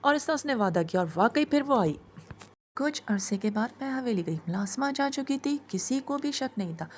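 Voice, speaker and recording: A woman's voice: fairly high pitch, animated, slight background noise. A woman casually retelling a story in the first person, emotional and conversational, often circling back and repeating herself.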